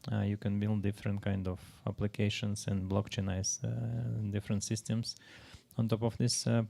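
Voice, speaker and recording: Panel speaker: a man from Latvia with a low, warm voice, hesitant and full of fillers. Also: flat delivery, vocal fry. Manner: halting, many filler pauses. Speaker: panelist, company founder. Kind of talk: panel self-introduction.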